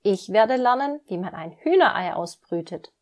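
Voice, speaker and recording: A woman's voice: medium pitch, unhurried. A woman voicing an eager, stubborn little boy duckling in a children's story, speaking earnestly. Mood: determined. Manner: earnest and excited.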